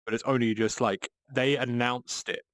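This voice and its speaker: A man's voice: medium pitch, level tone, moderate pace, fairly bright tone, no room sound. A man chatting casually as a live streamer, with a playful manner and camp, affectionate greetings. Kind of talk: casual livestream chat.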